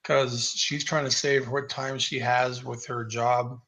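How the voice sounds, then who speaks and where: A man's voice: medium pitch, little pitch movement, takes it slowly, sharp tone, poor audio. A man who is a guest on a casual livestream chat, speaking earnestly in loose, run-on sentences.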